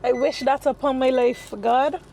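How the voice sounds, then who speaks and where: Vlogger, woman in her 30s, high and chatty, road noise behind. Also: flat delivery, moderate pace, warm tone, rough recording. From Barbados. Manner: chatty, laughing, joking. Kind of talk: casual vlog chat while driving. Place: car on a road.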